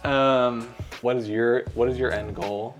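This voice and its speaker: A man's voice: medium pitch, fairly even intonation, measured pace, over music. A young man in a casual chat, rambling in an upbeat way and leaning heavily on fillers.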